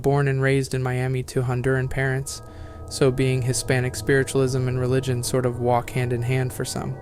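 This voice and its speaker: A man narrates horror stories in an almost completely level, droning delivery at a middling pitch. It is a scripted reading with no rise or fall in the telling. A steady hiss of background noise runs under the voice.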